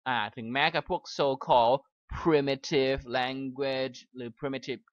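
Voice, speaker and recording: A man with a Thai accent, a native Thai speaker, reads a passage aloud slowly and carefully, then explains it in a quick, chatty way as an English teacher. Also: mid-range voice, level tone, no room sound. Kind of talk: reading aloud and explaining in a lesson. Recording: slightly dull, dry recording.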